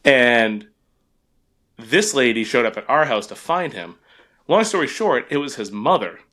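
A man's voice: mid-range voice, animated, a little slow, sharp tone. A man with a New England accent, co-hosting a podcast, telling stories in a casual chat with frequent laughs and swearing. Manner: laughs often, storytelling with profanity. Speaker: podcast co-host.

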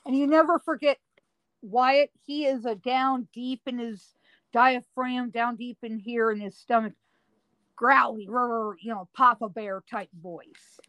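A woman guest telling a personal story in an interview, slow and dramatic with drawn-out emphasis. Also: a little high, fairly even intonation, a bit bright, no echo, low-quality recording. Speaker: guest recounting paranormal experiences.

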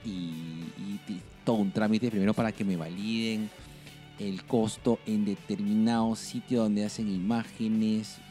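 A man's voice: fairly low pitch, steady tone, measured pace, mellow, soft background music. A man with a Peruvian accent chatting casually as a podcast co-host, swearing often and laughing through his stories. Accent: Peruvian Spanish. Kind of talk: casual chat.

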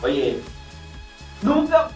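A man's voice: very high voice, wildly swooping pitch, drawn-out words. A young Mexican man co-hosting a casual podcast, rambling through slang-filled stories with many restarts. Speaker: podcast co-host. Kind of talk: casual banter. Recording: roomy room, far from mic, music behind.

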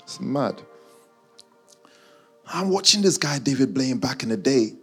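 A husky, unhurried man with a medium pitch and big swings in intonation chats casually in London slang to a live audience and online viewers, teasing them as he goes. He's of Nigerian background, spent his childhood in Guyana, and was schooled in the UK. Soft music plays in the background.

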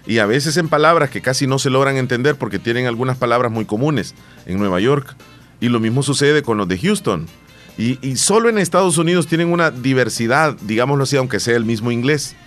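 A man from El Salvador co-hosts a casual, radio-style chat show, rambling and repeating himself. His mid-range voice is expressive, brisk and fairly bright, with soft music playing behind him.

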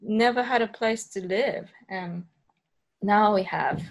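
A woman's voice: medium pitch, slow, gravelly. Woman, podcast guest, casual chat, fillers, laughs. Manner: chatty, many fillers, playful laughs.

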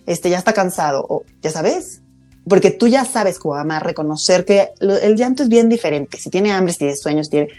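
A woman's voice: lowish voice, expressive, moderate pace, dark tone, faint music behind. A woman in her thirties with a Mexican accent, chatting casually about motherhood with many fillers. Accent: Mexican Spanish. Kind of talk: casual chat.

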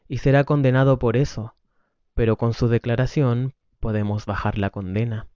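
A man's voice: medium pitch, fairly even intonation, moderate pace, warm tone, clear, resonant tone, dry recording, lightly acted. A man reading the lines of a persistent, formal lawyer who keeps pressing for a statement, on a dull lo-fi recording. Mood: insistent. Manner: formal, insistent.

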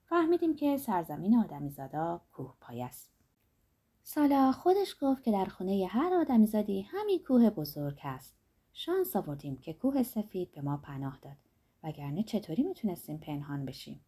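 A woman narrating a fairy tale in a soft, dreamy way, her sentences trailing off quietly. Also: medium pitch, sing-song, husky. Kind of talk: storytelling narration.

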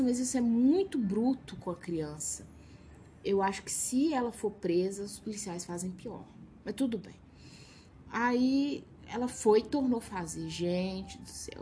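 A woman with a Brazilian accent reads Bible verses aloud, then breaks into frank, emphatic commentary that scolds as much as it teaches. Her pitch sits in an ordinary middle range, and a faint background hiss runs under the recording. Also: darkish tone. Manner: blunt and emphatic, scolding asides. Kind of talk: informal devotional teaching over Bible verses.

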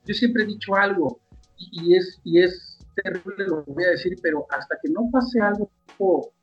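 A man's voice: sits high, normal speed, husky, muffled recording, soft background music. A man with a Mexican accent hosts a casual sports talk show, speaking conversationally with many fillers and asides. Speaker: podcast host.

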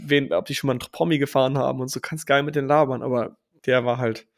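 A young man hosting a podcast, casually telling an animated story and quoting people along the way. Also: mid-range voice, quick pace. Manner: animated, quotes people with lively asides. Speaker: podcast host.

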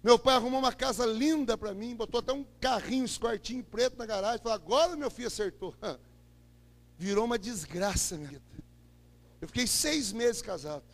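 High-voiced, gravelly Brazilian preacher. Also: male voice, brisk. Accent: Brazilian Portuguese. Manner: emphatic, swings between loud declarations and low murmurs. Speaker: preacher giving his testimony. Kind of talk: impassioned testimony sermon. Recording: echoey hall with long reverb.

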